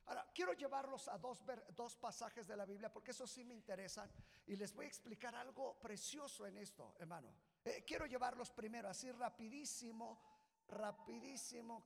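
High, gravelly preacher man in a reverberant hall. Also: normal speed. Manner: calls listeners "hermano", swings from loud shouts to low asides. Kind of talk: sermon. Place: church hall. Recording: long reverb of a church hall.

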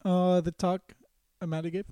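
A man's voice: high voice, little pitch movement, moderate pace, warm tone, smooth, no room sound. A young man co-hosting a podcast in laid-back casual chat, full of "yeah" and "like". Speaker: podcast co-host.

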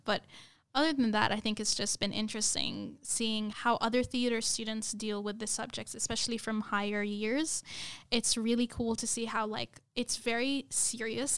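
Appearing as an interview guest, this young woman is earnest and effusive in a fairly high voice that's clear and smooth. She keeps it conversational, repeating words for emphasis.

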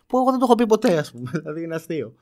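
A young man with a high, very lively voice argues his side in a casual talk, pressing his points and repeating them. He sounds defensive and emphatic as a YouTuber defending his words. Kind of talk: heated casual debate.

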